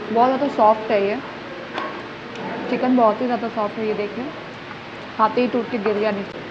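A young woman with a high-ish, steady voice at normal speed chats through a casual food review, commenting on each dish as she tastes it. She films on a phone at arm's length inside a small restaurant and by its entrance, and the recording is muffled with a noisy background.

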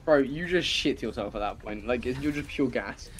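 Young man, mid-pitched and very animated, slangy sweary gamer chatting with his mates. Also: moderate pace, over music. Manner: slangy, foul-mouthed, exclamatory. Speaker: online game player. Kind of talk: casual group gaming banter.

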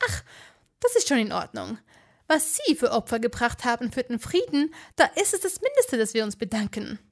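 A woman's voice: fairly high pitch, wildly swooping pitch, normal speed, vocal fry, full character voice. A woman voicing a flustered, talkative middle-aged witch from a ministry in a fan audio drama. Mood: reassuring. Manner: jumpy, eager, chatty.

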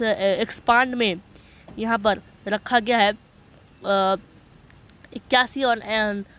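A man walking viewers through a job notice in a voice-over on a screen recording. He talks in a chatty way, keeps checking that listeners follow, and reads English passages slowly. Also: high-pitched, a bit bright. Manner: chatty, repeats "okay" to check understanding. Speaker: online job-notice explainer.

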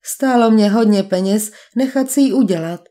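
A cool young detective in an audiobook, as a woman narrator voices him. He trades dry quips with his captor and never loses his calm. The tone is mellow and dark. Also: medium pitch, lightly acted. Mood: wry. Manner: dry, unflappable banter. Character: cool, wry young male captive detective. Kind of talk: audiobook character voice.

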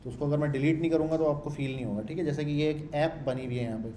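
A man's voice: fairly high pitch, fairly even intonation, racing, warm tone, echoey room, slight background noise. A man walking through a coding tutorial in a chatty way, asking and answering his own questions and repeating his points. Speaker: programming instructor. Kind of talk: screen-share coding tutorial.

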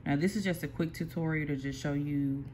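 A small print shop owner, medium-pitched and brisk, walks through software steps in a relaxed, casual screen-recorded tutorial, often saying "um" and restarting. He sits at a computer in an indoor workspace, and a phone filming the screen picks him up along with a little hiss or hum.

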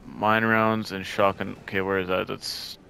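A young man playing a horror game and chatting casually, full of excited, swearing exclamations. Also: low-pitched, normal speed, gravelly, slight background noise. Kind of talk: casual let's-play chat.

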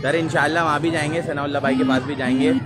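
Livestreaming from a city street, this man from Pakistan speaks fast in a somewhat high voice with fairly steady intonation. Busy traffic and crowd chatter fill the background while he narrates the scene, calls out viewers by name and says "mashallah" again and again in a chatty way.

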